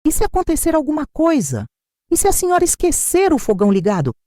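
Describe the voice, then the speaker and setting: A woman's voice: high voice, huge pitch swings, fast talker, dark tone, no echo, clean studio sound, voice pushed up. A woman voicing a scornful young daughter-in-law who mocks with false, sugary concern. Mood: needling. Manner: mocking, falsely caring.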